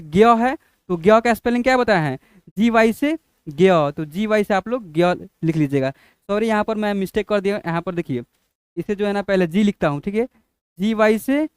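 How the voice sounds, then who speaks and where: A man teaching letters as a teacher, in slow, drawn-out drills that keep asking what each letter makes. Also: high voice, smooth, dry recording, clean studio sound. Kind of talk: classroom-style lesson.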